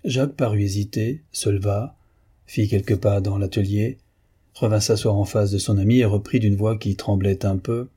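A man reading a classic novel aloud as audiobook narrator, with a calm, even delivery and a husky voice. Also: fairly low pitch, normal speed. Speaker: audiobook reader.

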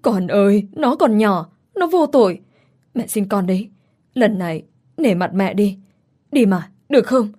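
A woman's voice: medium pitch, a little slow, long pauses, mellow, husky. A woman voicing a frightened older mother who anxiously begs her son in an audio story. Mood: begging. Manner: pleading, anxious.

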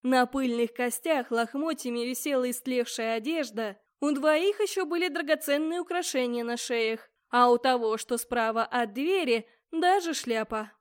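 A woman reading a first-person fantasy audiobook aloud, expressive and voicing the characters as she goes. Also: high-pitched, moderate pace, few pauses. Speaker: audiobook narrator.

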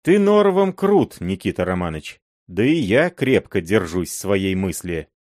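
A man's voice: low voice, very animated, a little slow, darkish tone, dry recording, studio quality. A man voicing a shrewd, blunt older robber chief who talks in an earthy, folksy way. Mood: gruff persuasion.

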